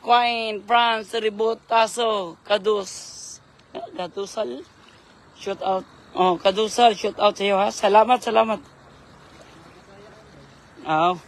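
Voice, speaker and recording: Hoarse guy on a night fishing livestream, real high voice, talks slow and spells out names. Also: fairly even intonation. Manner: spells names out letter by letter for viewers. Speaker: live-stream fishing vlogger and commentator. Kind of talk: casual live-stream commentary with shout-outs. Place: outdoors at night by the water.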